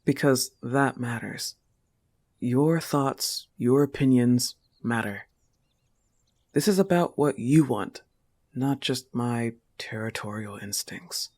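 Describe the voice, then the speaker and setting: A man performs an intimate audio roleplay as a goth wolf-girl girlfriend, his mood firm and supportive. The pace is unhurried and the voice soft at an average male pitch, often slipping into breathy whispers, tender but teasing and territorial.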